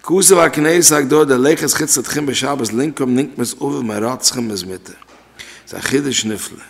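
A man's voice: mid-range voice, moderate pace, vocal fry. A man teaching a class on religious law. He repeats key phrases and asks questions aloud. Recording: long reverb from a hall.

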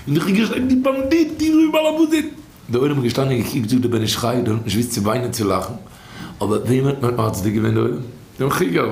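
A man telling a story and teaching as a religious teacher, animated, acting out the people in his tale with raised shouts. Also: mid-range voice, a little hiss or hum. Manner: lively, acts out quoted characters with raised shouts. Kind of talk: storytelling lesson. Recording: roomy echo, faint ambience.

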